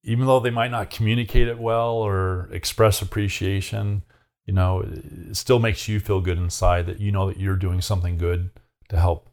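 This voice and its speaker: A man's voice: low-pitched, level tone, moderate pace, a little mellow. A man from Arizona casually recalling his past in a rambling way, with many fillers and restarts. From Arizona, USA. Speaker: interviewee. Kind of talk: casual recollection.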